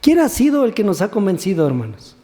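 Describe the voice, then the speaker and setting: A man's voice: high-pitched, wildly swooping pitch, fairly quick, warm tone. A man, a deacon preaching a sermon who keeps asking rhetorical questions and prompts the congregation to finish verses. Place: church sanctuary. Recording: long church reverb.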